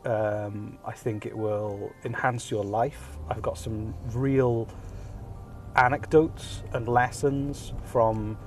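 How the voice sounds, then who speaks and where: Soft background music accompanies this Welsh man in his thirties, whose lowish voice is steady and slow. Hosting a casual, jokey podcast while driving his car, he gives a self-deprecating monologue with many ums, recorded on a phone hands-free kit.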